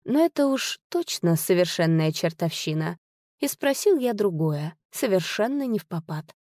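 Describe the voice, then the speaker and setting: Woman narrator, mid-pitched, lively theatrical storybook reading, dry close recording. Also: moderate pace, dry recording. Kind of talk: expressive audiobook reading.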